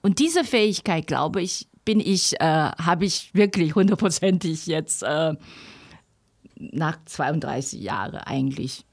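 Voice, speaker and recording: In a clean studio recording without room sound, a low-pitched woman with lively intonation speaks at a measured pace. She is a middle-aged language professor from Taiwan, a native Chinese speaker with a Chinese accent. Answering interview questions reflectively and conversationally, she uses non-native grammar and hesitant, searching phrasing.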